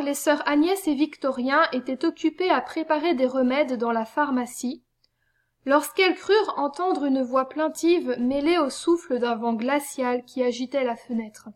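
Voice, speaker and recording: A woman reading a story aloud in measured, solemn narration. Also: high-pitched. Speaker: reader. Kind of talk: audiobook narration.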